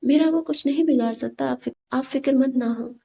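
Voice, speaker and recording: A woman's voice: high voice, gravelly, warm tone. A woman voicing a hot-tempered young female student in an audiobook story, speaking sharply. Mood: angry.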